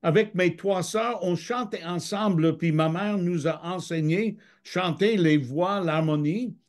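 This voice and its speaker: This is a man's high-pitched, unhurried voice: a middle-aged guest from Michigan telling his life story in French on a video call. The testimony interview is marked by his hesitation and frequent fillers.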